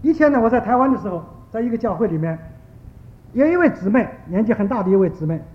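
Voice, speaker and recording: A man's voice: high voice, quick pace. A man preaching a sermon, telling stories and acting out the people in them. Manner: storytelling, animated quoting of characters. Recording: dull lo-fi recording.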